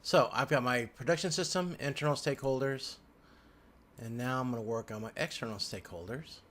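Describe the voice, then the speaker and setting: Over the sound of typing and mouse clicks, a man with a medium-pitched, fairly bright voice talks briskly. He's an instructor doing a casual, unscripted screen recording indoors at a computer, murmuring and thinking aloud as he works through the tutorial.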